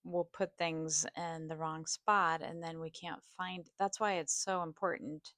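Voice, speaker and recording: Woman rambling on a personal vlog, slowish n halting, lowish voice w some scratchy vocal fry. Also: little pitch movement, a bit bright, no echo. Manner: halting, hesitant, with pauses. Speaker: video host. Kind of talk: rambling personal vlog, partly reading a study aloud.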